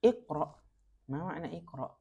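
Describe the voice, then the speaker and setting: Slow, animated teacher. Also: male voice, a little high, creaky, slightly rough. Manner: patient, quizzing students by name, switching between Arabic and Indonesian. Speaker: Arabic teacher. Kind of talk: classroom language lesson.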